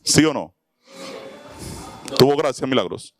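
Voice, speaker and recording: A man's voice: mid-range voice, lively intonation, measured pace. A man teaching a Bible lesson to a small audience, asking them questions and acting out little scenes. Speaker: preacher teaching a Bible class. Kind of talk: sermon-style Bible teaching.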